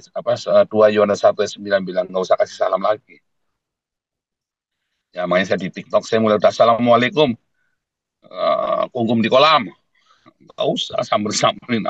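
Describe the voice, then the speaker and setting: A man preaching a sermon in an emphatic, conversational way, with big swings between loud high stresses and soft trailing ends, who often acts out quoted dialogue in a softer voice. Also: dry recording, highs cut off. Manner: emphatic, wide swings in pitch and loudness, repeatedly addresses listeners as "saudara". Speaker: pastor.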